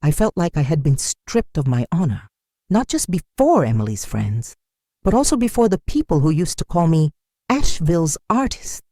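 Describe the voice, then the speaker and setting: An older woman telling a first-person story in a sombre, measured, wounded way. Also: sits low, big pitch swings, warm tone, dry recording, studio quality. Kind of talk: scripted first-person narration.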